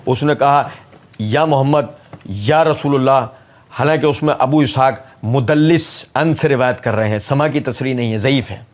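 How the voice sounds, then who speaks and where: A man giving a polemical religious talk as a rebuttal, speaking in an emphatic, sarcastic, mocking way. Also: medium pitch.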